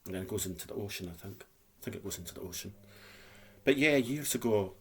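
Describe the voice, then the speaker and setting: A man's voice: lowish voice, lively intonation, quick pace, breathy edge. A man in his fifties with a Dundee Scottish accent and a speech impediment that turns r into w, chatting casually and plainly in a rambling, repetitive way as a vlogger. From Scotland. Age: 50s.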